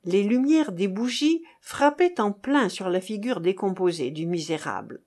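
Slow, expressive woman reading a novel. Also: medium pitch. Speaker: audiobook narrator. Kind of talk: scripted literary narration.

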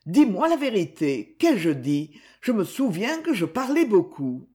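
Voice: mid-range voice, big pitch swings, measured pace, warm tone, pitched above the performer's own voice. A reader voicing a sick, remorseful young boy in an audiobook, anxious and pleading. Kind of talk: audiobook character reading.

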